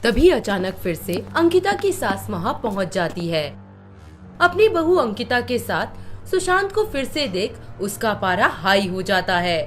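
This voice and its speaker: A woman's voice: mid-range voice, sing-song, measured pace, faint music behind. A woman narrating a cartoon moral story in a scripted storytelling style.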